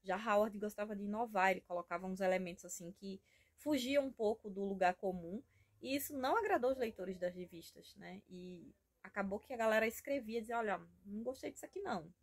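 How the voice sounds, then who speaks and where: A Brazilian woman with a Brazilian Portuguese accent hosts a homemade reading vlog from her house. She talks in a relaxed, eager, rambling way, often checking in with little tag questions. Her voice sits at an ordinary middle pitch for a woman. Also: a little fast. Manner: chatty and enthusiastic, rambling with frequent tag questions. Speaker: book vlogger. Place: at home.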